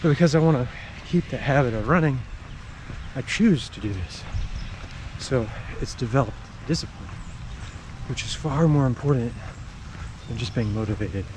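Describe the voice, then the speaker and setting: Male running vlogger, medium pitch, casual explainer delivered mid-jog in short bursts, noisy outdoor recording. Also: animated, moderate pace, darkish tone. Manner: talking while jogging, in short broken phrases. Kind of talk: casual explanatory vlog talk while running. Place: outdoors on a run in the rain.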